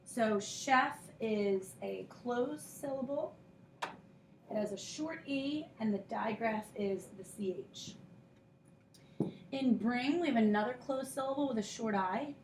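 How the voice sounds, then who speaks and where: A woman's voice: fairly high pitch, slow, distant mic, slight background noise. A woman teaching a recorded phonics lesson, patiently explaining step by step and sounding out letter sounds. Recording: echoey room, voice a bit off-mic.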